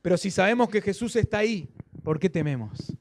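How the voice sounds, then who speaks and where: A man preaching a sermon in a Rioplatense Spanish accent, repeating phrases for emphasis and often checking in with a quick "¿sí?". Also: sits high, animated, a little hiss or hum. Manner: questioning the congregation with frequent "¿sí?". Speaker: pastor.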